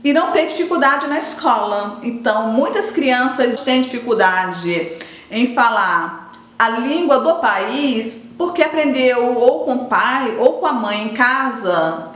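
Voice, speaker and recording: A middle-aged woman with a Brazilian Portuguese accent talks straight to her viewers in a loose, chatty way, often breaking off and restarting. Her voice sits fairly high, and the recording carries a noticeable roomy echo. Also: lively intonation, measured pace, fairly bright tone. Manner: chatty, addresses viewers directly, frequent restarts. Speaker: vlogger and educator. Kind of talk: casual chat to viewers.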